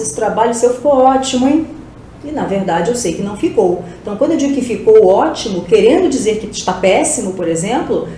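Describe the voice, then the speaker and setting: Her voice sits on the high side and sounds warm as she leads an exam-prep class in Portuguese teaching style, raising questions only to answer them herself at once. The room echoes, and a little background noise is audible.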